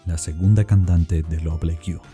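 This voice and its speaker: A man's voice: low-pitched, fairly even intonation, normal speed, mellow, soft background music. A man narrating a scripted explainer as the presenter of the video.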